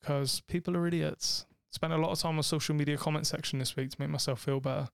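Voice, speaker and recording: Male co-host, cheeky and sweary, slightly higher voice with gravel, dry recording. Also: steady tone, fast, no echo. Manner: cheeky, joking, swears freely. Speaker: podcast co-host. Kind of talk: casual chat.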